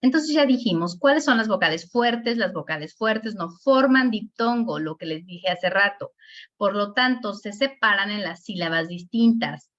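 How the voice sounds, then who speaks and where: A woman with a Mexican accent teaching a spelling lesson, explaining patiently and drawing out words slowly to show the stress. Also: mid-range voice, lively intonation, a bit bright. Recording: dull lo-fi recording.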